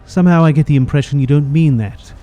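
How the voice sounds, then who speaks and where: A man's voice: a little high, quick pace, dark tone, highs cut off, faint music behind, lightly acted. A man playing a guarded, curmudgeonly adventurer in a game, speaking in a dry, formal and terse way. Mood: dry, aloof. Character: guarded, curmudgeonly male adventurer who craves silence. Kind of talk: video game character dialogue.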